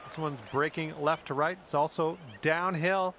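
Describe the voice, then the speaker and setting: A man's voice: a little high, steady tone, normal speed, bright, forceful tone. A man giving golf commentary, speaking to the player in short, encouraging observations. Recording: crowd and ambient noise behind. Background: crowd ambience.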